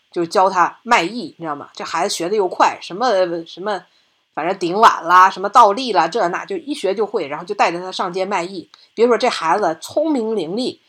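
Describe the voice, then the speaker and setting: A woman's voice: mid-range voice, breathy edge. Chatty woman retelling a film. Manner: animated, chatty, asks "对吧?" often. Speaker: podcast host. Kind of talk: casual storytelling, retelling a film plot.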